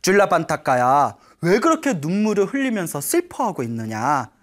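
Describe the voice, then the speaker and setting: A woman voicing the Buddha as a calm, all-knowing master in a storytelling sermon, speaking slowly and quietly. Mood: gentle. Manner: slow, hushed and lower than her own talk.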